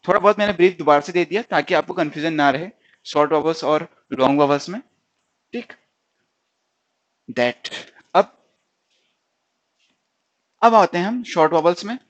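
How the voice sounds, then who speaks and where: A male stenography teacher giving a classroom lesson. He explains slowly, repeats sounds and words for the class to drill, keeps checking with "okay?", and says words. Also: on the high side, expressive, muffled recording.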